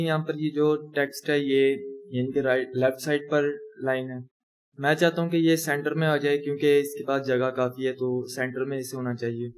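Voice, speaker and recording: A young man teaching a coding lesson, talking through each step as he types and correcting himself as he goes. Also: mid-range voice. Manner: talks through each step while typing, self-correcting. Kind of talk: screen-recorded coding tutorial.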